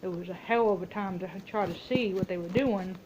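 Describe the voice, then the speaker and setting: A woman's voice: medium pitch, a little fast, heavy background noise. A woman in a casual, rambling phone chat, telling stories and quoting herself and other people as she goes. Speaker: vlogger making a phone call.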